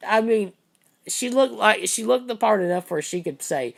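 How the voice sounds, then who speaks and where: A hoarse man rambling and cursing his way through casual live-stream chat as host, saying his voice is going out. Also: high voice, expressive, moderate pace. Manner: profane, rambling storytelling.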